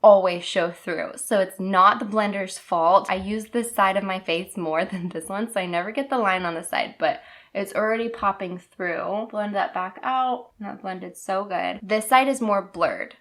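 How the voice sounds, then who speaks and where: A woman's voice: mid-range voice, normal speed, fairly bright tone. A woman chatting casually and upbeat while she applies makeup in a beauty vlog. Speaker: beauty vlogger. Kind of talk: casual makeup tutorial chat.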